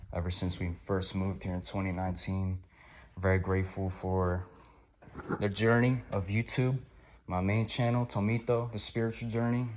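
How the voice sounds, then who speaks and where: Young guy in his 20s, low voice, a bit hoarse, rambling and upbeat. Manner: rambling, upbeat, gently motivational. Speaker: vlogger. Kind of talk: reflective casual vlog.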